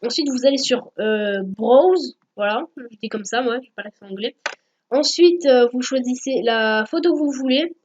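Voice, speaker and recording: Woman, home screen-recorded tutorial, slightly high voice, halting delivery with constant fillers, dull cheap mic, faint hiss. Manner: hesitant, many fillers, corrects herself often. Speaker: YouTube tutorial maker.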